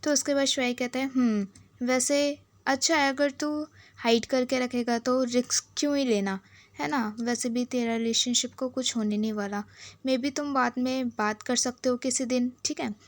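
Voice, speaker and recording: Woman narrator, drama recap, higher pitch, dry sound. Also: steady tone, normal speed, no echo. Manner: retells the scenes and reads each character's dialogue in her own voice. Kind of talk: retelling a drama episode.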